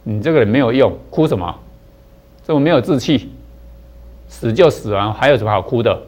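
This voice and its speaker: A huge golden-winged bird from a spoken parable, stern and blunt, scolding its royal captive, as a man puts it on. The teller keeps it close to his own voice, with the same even middle pitch. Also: brisk, lightly acted. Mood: scornful.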